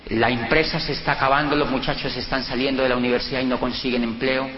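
This middle-aged Colombian speaker talks quickly, telling personal stories to an audience in his Colombian Spanish accent and animating the dialogue with lively pitch leaps. The recording comes from an echoey, dull-sounding hall with faint noise.

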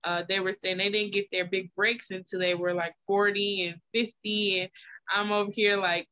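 Bright, reassuring woman podcast host. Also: mid-range voice, level tone, moderate pace. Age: 30s. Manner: encouraging, reassuring. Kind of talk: casual podcast interview. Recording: slightly muffled lo-fi audio.

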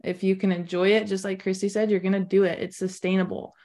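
A woman fitness coach giving relaxed, encouraging advice in a podcast chat. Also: medium pitch, quick pace. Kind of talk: casual roundtable chat.

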